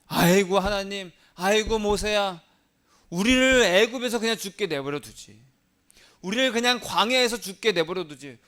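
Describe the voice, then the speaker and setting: A man's voice: sits high, fairly bright tone, voice pushed up. A man voicing a desperate Israelite who wails and complains in a sermon retelling. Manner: whiny, wailing laments. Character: wailing desperate Israelites, fearful grown men.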